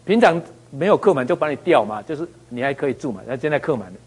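A man giving a motivational talk, animated, telling stories and asking the audience rhetorical questions. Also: medium pitch, fast talker, husky. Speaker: speaker.

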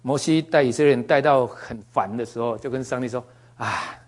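A man's voice: medium pitch, fast talker, darkish tone. A man teaching from the Bible in a conversational sermon, folksy and joking, with asides and fillers. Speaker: preacher.

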